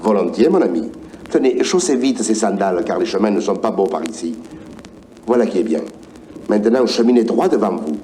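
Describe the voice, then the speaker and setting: An actor with a Provençal accent playing a genial, obliging old male saint who keeps heaven's gate, in a high, lilting voice. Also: animated, a little fast, dark tone, slight background noise, natural voice.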